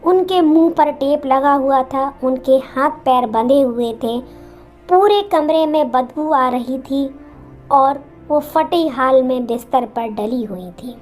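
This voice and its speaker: A woman narrating an emotional moral story in a slow, dramatic manner. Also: high voice, a little mellow, faint music behind.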